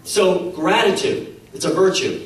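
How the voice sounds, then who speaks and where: Animated male speaker in an echoey hall. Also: high-pitched, a little slow. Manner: animated, acts out quotes, laughs at his own stories. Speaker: speaker at a faith conference. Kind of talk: storytelling talk to an audience. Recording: very echoey hall, mic at a distance.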